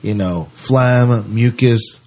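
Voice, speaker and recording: A man hosting a science fiction podcast chats casually and enthusiastically, rambling a little and using fillers. His voice is medium-pitched, slow, and a little mellow.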